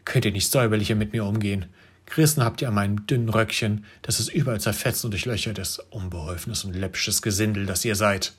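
A man's voice: normal speed, breathy edge. A man voicing a grumpy, ungrateful little male dwarf who snarls and shrieks his complaints in a storybook reading. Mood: furious. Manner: scolding, shrill and snarling.

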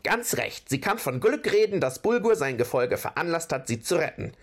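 A high, squeaky, pompous troll king for a storybook reading. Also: big pitch swings, normal speed. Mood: haughty. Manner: shrill, haughty, puffed-up.

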